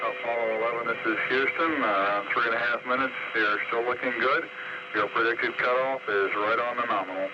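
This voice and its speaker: A man's voice: mid-range voice, steady tone, fairly quick. A man at mission control speaking in clipped radio protocol, heard over a two-way radio transmission. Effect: over a two-way radio link. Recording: lo-fi, hissy archival radio transmission.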